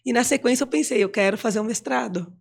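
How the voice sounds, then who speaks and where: A woman's voice: on the high side, fast, creaky, breathy edge. A Brazilian woman in her forties, a guest on an interview show, talking casually and rambling with many fillers.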